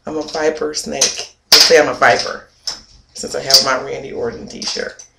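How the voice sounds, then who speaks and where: A very deep, gravelly, steady voice at normal speed belongs to a young woman chatting about her hair into a nearby webcam. Her casual vlog talk is playful and amused, sometimes slipping into a whisper. Recorded in a small, echoey indoor room with faint noise.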